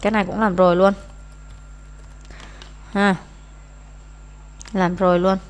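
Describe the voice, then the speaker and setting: A woman teacher talks a class through test answers, mixing in English phrases as she reads them out. She pauses often with hesitant fillers and keeps a plain, everyday voice of middle pitch. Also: level tone. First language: Vietnamese. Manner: explains in Vietnamese, reads English phrases aloud. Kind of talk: exam answer walkthrough.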